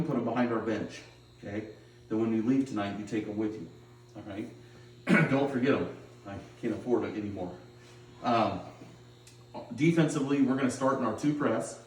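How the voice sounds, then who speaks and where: A man's voice: mid-range voice, darkish tone. Echoey, distant man giving a pregame pep talk. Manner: plain-spoken, instructive, often checking with okay. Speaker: high school girls' basketball coach. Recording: roomy echo, distant microphone.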